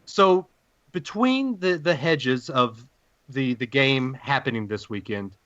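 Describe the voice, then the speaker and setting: A man with a deep Southern US accent hosting a casual sports podcast in a folksy, playful showman's way. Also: animated, slow, a bit bright, dry recording, highs cut off.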